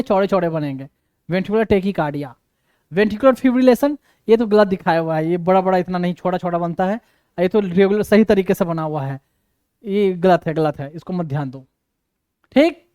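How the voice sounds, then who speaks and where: A man's voice: high-pitched, a little mellow, smooth, dry recording, studio quality. A man lecturing on medicine, repeating his points for emphasis and often checking that students follow. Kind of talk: classroom explanation.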